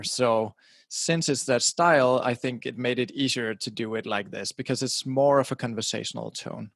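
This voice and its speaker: A casual podcast guest, a middle-aged Danish website publisher who isn't a native English speaker and speaks Danish as his first language, talks in a mid-range voice. He tends to repeat words at the start of phrases as he restarts and laughs now and then. The dry recording comes from a directional podcasting mic close to his mouth.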